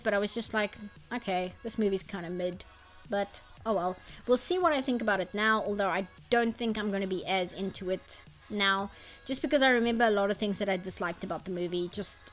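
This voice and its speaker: A woman streamer in casual chat who rambles and reads out chat comments. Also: mid-range voice. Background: faint background music.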